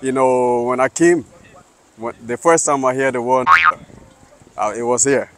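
Man from Liberia, 30s, street interviewee, halting, earnest, middle pitch. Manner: hesitant, many fillers and restarts, earnest. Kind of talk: casual street interview answers. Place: sunny city square outdoors.

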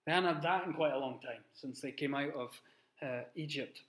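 A man in his thirties preaches a sermon in a small plain room and speaks into a webcam on his desk. His slightly high voice is earnest and emphatic, and he pauses and restarts as he goes. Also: fairly bright tone.

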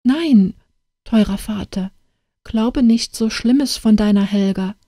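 A woman's voice: medium pitch, takes it slowly, dry recording, studio quality, voice pushed up. Woman voicing a dreamy, pleading young woman. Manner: soft, imploring.

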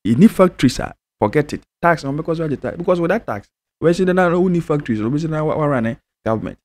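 A young man with a Ghanaian accent giving casual news commentary in Twi and English, talking in an animated, emphatic way into a studio mic. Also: fairly high pitch, quick pace. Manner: animated, emphatic, switching languages. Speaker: news presenter. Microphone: studio mic on a stand in front of him.

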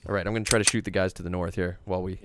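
A man's voice: deep voice, fairly even intonation, racing, background noise. A man hosting a board game stream, playful and teasing his guest. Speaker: host. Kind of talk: casual chat while playing a board game.

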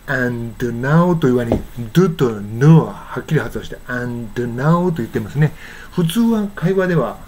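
An older man from Japan, teaching English pronunciation in a casual lesson, patiently repeating words slowly to show how they sound. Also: mid-range voice, dark tone, breathy edge.

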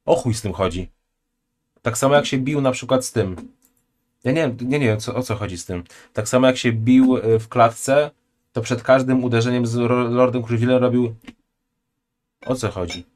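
A man's voice: medium pitch, moderate pace, pauses often, darkish tone. A man in his thirties, streaming from a home room, reacting bluntly and crudely in casual chat and reading donations aloud. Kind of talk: casual live-stream commentary.

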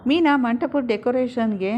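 A woman voicing a kindly older flower-seller who quickly explains a robbery. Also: a little high, a little mellow, slight background noise, natural voice. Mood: urgent. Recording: dull lo-fi recording.

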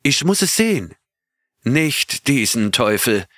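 A man's voice: mid-range voice, big pitch swings, slow pace, fairly bright tone, no echo, clean studio sound, voice pushed up. A man voicing a male astronaut who tells his crewmates about his adventure, talking earnestly and putting questions to them. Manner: earnest storytelling, asks listeners questions. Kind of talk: audiobook reading of a character's tale.

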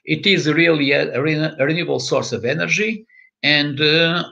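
Older Portuguese man with a gravelly voice. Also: on the high side, normal speed, bright, forceful tone, a little hiss or hum. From northern Portugal. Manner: hesitant, repeats words often. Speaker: professor. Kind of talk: online lecture. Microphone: webcam video call. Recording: lo-fi video call audio.

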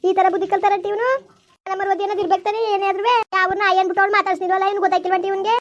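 Woman doing a weepy village wife, high flat voice, rattles on super fast. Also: muffled recording. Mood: aggrieved. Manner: tearful, complaining. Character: tearful young village wife, Latha. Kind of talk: village comedy skit.

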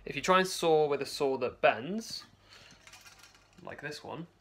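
This young man's voice sits on the high side, unhurried and a little bright. Speaking into a closely held phone camera in his home basement, he rambles through a casual video diary, full of fillers and restarts, as a vlogger.

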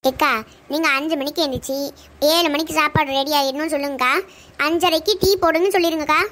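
A high, quick voice of a meddling cartoon neighbour, acted by a woman. She coaxes and stirs trouble slyly in Tirunelveli Tamil. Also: fairly even intonation, sharp tone. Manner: sly, stirring trouble, coaxing. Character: meddling gossipy neighbour mother-in-law Parvathi.

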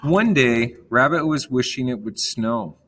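A man reading a children's story aloud in a calm manner, gently explaining words along the way. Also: mid-range voice, unhurried, background noise.

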